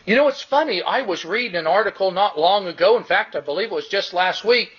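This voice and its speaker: Husky high-voiced male preacher. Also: animated, fairly bright tone, dull audio. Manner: emphatic, repeats key phrases, slows down to stress lines. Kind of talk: sermon.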